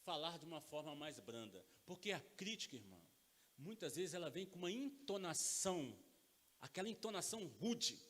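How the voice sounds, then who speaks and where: A man with a Brazilian Portuguese accent preaching a sermon as pastor in a church, animated, acting out little dialogues and quizzing his congregation. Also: fairly high pitch, moderate pace. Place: church sanctuary. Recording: long reverb of a church hall.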